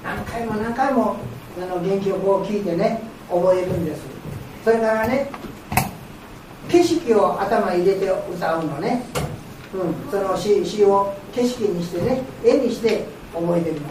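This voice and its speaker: Speaking a little slowly in a dark, mid-range voice, an older blind woman fields questions as a guest speaker. She explains patiently to the group in short phrases, informally. It's captured from afar in a very reverberant room with slight background noise.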